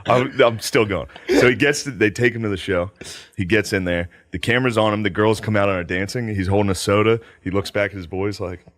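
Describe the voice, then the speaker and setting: A man's voice: lowish voice, fairly quick, no echo. A man hosting a podcast, telling a story in casual chat and laughing through it. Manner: laughs through his stories, animated. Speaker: podcast host.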